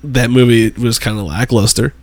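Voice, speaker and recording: A congested man chatting casually as a podcast co-host, lively and quick to restart his sentences. His voice sits at an ordinary middle pitch and sounds dry and close, with no room around it. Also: no room sound. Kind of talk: casual chat.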